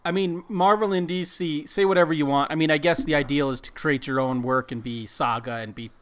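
A man's voice: fairly high pitch, steady tone, a little fast, a bit bright, clear, resonant tone. A middle-aged man co-hosting a podcast in casual chat, with joking, self-deprecating banter. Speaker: podcast co-host.

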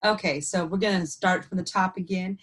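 A woman's voice: on the low side, fairly even intonation, brisk, fairly bright tone. A woman co-hosting a podcast, talking through ideas thoughtfully in casual chat with easy laughs. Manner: thoughtful, unpacks ideas aloud with frequent "and so" restarts; laughs easily. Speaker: podcast co-host.

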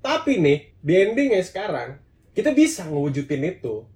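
A man's voice: sits high, normal speed. A man with a Betawi accent chatting casually as a podcast guest, joking and telling stories in loose Jakarta slang. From Depok, greater Jakarta, Indonesia. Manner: joking, animated storytelling in colloquial gua-lu slang.

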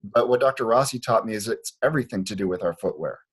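Earnest man with a husky low voice. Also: fast. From Liberia. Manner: earnest, explanatory, with frequent restarts. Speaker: foot doctor guest. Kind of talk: conversational interview. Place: Portland, Oregon clinic.

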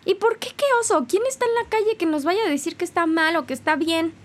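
Lively high-voiced Mexican woman. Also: quick pace. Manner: lively, laughs often, loud and expressive. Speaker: podcast host. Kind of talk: casual solo podcast monologue.

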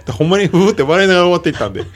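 A man's voice: high-pitched, expressive, racing. A man with a Kansai accent hosting a podcast in casual chat, chatty and often laughing as he tells stories. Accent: Kansai Japanese. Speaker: podcast host.

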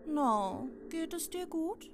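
Woman playing a creepy two-faced wife, taunting, sing-song, highish voice, horror audio story. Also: moderate pace, noisy background, lightly acted. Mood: mocking. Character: two-faced monstrous wife, mocking and eerie.

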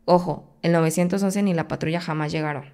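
Podcast guest, woman, Mexican accent, slightly low voice, intense storyteller who acts out her own pleas. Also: fairly even intonation, brisk, darkish tone. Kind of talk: personal story told in conversation.

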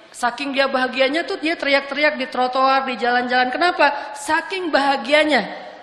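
A woman's voice: fairly high pitch, fairly bright tone. A woman giving a humorous, casual sermon with playful, jokey storytelling. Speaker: preacher. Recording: echoey hall with long reverb.

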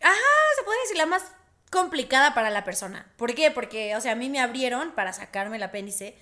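A young woman with a Mexican accent talks in a high, bright register. She tells her stories with lots of laughter. She acts out the voices of the people she quotes. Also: brisk. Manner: animated storyteller, laughs often, acts out quotes. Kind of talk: casual chat.

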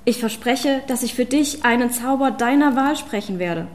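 This woman's voice sits on the high side, animated and lightly acted at a normal speed, as she performs a fanatical, power-hungry witch in an audiobook. The fierce character hisses, gives commands and eventually shouts.

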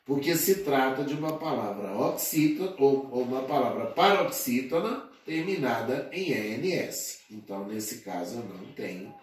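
A man teaching a grammar lesson, explaining slowly and deliberately, spelling out word endings and checking in with his listeners often. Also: medium pitch, expressive. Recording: very echoey, distant from the mic.

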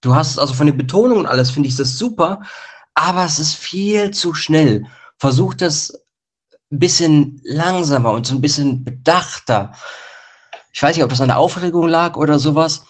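A man's voice: a little high, normal speed. A man on a jury giving hesitant, rambling feedback with fillers. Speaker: jury member.

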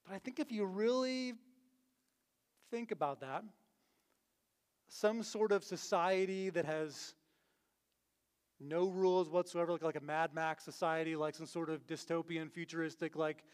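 A man's voice: a little high, fairly even intonation, measured pace, long pauses, clean tone, big-room sound. A man preaching a casual sermon, conversational and full of fillers and restarts. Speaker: pastor.

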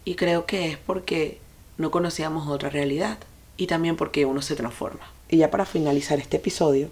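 A woman's voice: sits low, brisk, a little mellow, husky. A woman with a Venezuelan accent hosting a solo podcast, telling stories and speaking straight to her listeners with advice. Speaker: podcast host. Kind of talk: reflective solo podcast monologue.

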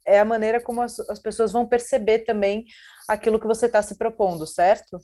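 A woman's voice: a little high, fairly even intonation, fairly quick, warm tone. A woman co-hosting a casual talk, steering the topic and raising points. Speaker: podcast co-host. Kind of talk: casual conversation on branding.

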